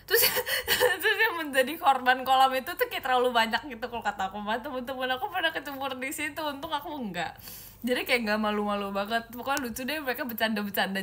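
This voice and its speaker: Young woman on a livestream, high voice, giggly and squealy, chatting w/ fans. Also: a bit bright. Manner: giggly, squealing, teasing exclamations. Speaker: idol group member livestreaming. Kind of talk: casual livestream chat reading comments.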